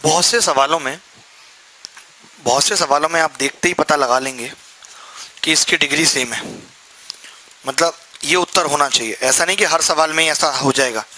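A man's voice: on the high side, normal speed, long pauses, pushed and bright, rough recording. A young man teaching a maths class, asking the students questions and answering them himself, with jokey, chatty asides. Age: young adult. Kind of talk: classroom lecture.

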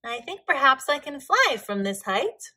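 A small, cheerful puffin from a storybook, voiced by a woman reading aloud. He speaks in a bright, steady voice that stays calm and plain. He sounds lightly pleased rather than excited. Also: sits high, unhurried, heavily acted. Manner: calm, matter-of-fact, then cheerful. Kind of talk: children's storybook read-aloud.

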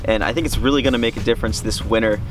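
A man's voice: fairly low pitch, racing. A young man hosting a fishing channel, reviewing a lure to camera from a small boat on a lake with enthusiastic, upbeat delivery. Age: young adult. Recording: clear background music. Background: music.

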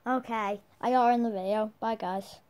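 A woman hosting a casual challenge video, chatting excitedly and talking straight to her viewers. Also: a little high, moderate pace. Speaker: video host.

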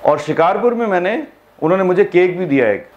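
A man's voice: sits high, lively intonation, brisk, darkish tone, muffled recording. A man leading a university workshop, speaking emphatically, asking rhetorical questions and mixing in English phrases. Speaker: workshop trainer. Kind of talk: workshop lecture. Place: university seminar hall.

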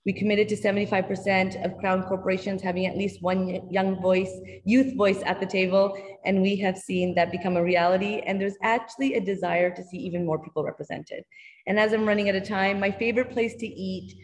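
A woman's voice: medium pitch, fairly even intonation, brisk, big-room sound, slight background noise, low-quality recording. A young adult woman from Canada giving an earnest, polished candidate speech over a video call. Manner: earnest, polished campaign talk. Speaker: political candidate. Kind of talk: candidate speech at a youth forum. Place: indoors by a painted wall.

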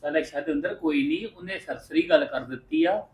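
A man's voice: fairly high pitch, wildly swooping pitch, brisk, creaky, a little mellow, reverberant, distant mic, heavily acted, poor audio. A man playing a husband in a home-made family drama, soothing and placating his upset wife. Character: calm elderly husband keeping the peace. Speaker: husband, head of the house.

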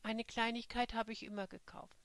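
A woman reading the part of a quiet, modest young woman, in a subdued way, in her own voice. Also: a little high, level tone, moderate pace.

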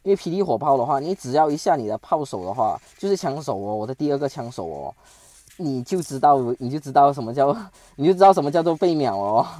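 A man giving chatty, excitable commentary over a strategy game he is playing, stumbling and restarting as he talks. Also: mid-range voice, quick pace, no echo. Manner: chatty, excitable, with frequent sentence-final particles and stammered restarts. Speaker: game channel host. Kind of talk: casual gameplay commentary.

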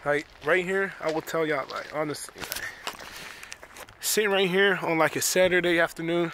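Over background noise, a Pittsburgh-accented man rambles through a casual vlog while hiking in a park, breathless and full of "like" and "you know." His voice leans high and his pace is moderate.

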